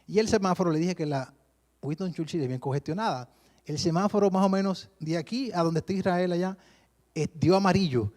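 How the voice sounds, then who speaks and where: A man from the Dominican Republic with a Dominican accent, preaching a sermon to a church congregation and telling stories lively, often calling listeners brother. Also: high voice, fairly quick. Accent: Dominican Spanish. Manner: lively storytelling, keeps addressing listeners as brother. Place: church service before a congregation.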